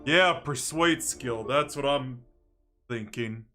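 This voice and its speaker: Bright-voiced man streaming a game, unhurried. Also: medium pitch, soft background music. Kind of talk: casual livestream gaming commentary, thinking aloud.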